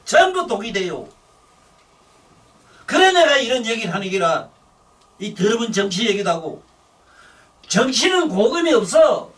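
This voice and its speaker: Older busan-accented guy preaching, blunt and scolding, high voice swinging all over, mic a bit far off. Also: big pitch swings, unhurried, pauses often, fairly bright tone. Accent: Gyeongsang (Busan). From Busan, South Korea. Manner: blunt, scolding, coarse-spoken. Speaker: Buddhist dharma teacher. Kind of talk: rambling sermon.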